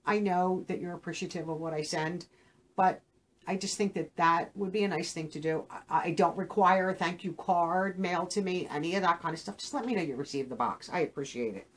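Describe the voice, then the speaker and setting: A woman's voice: lowish voice, brisk. A woman hosting a beauty unboxing channel, talking straight to camera in a casual, rambling and frank way. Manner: chatty, rambling, frank with viewers. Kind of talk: casual direct-to-camera chat.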